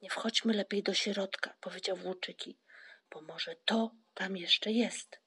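A woman reading the part of Snufkin, a calm, thoughtful young wanderer, in a storybook. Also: mid-range voice, measured pace, slightly rough. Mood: cautious.

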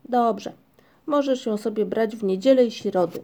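A calm young male troll, as a woman reads him in a storybook speaks firmly and decides things. The tone is mellow and a bit gravelly. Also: a little high, moderate pace, natural voice. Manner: firm. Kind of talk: storybook reading.

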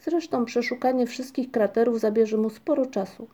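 A woman voicing a calm, unhurried young male troll who tells tales in an audiobook. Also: mid-range voice, lightly acted. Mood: calm storytelling. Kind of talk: audiobook character reading.

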